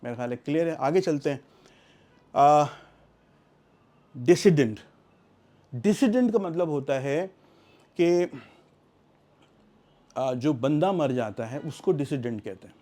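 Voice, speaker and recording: Man, fairly high-pitched, middle-aged, vocabulary lesson, slow deliberate explanations. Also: animated, dark tone. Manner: explains terms slowly, with example sentences read out deliberately in English. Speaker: English vocabulary teacher.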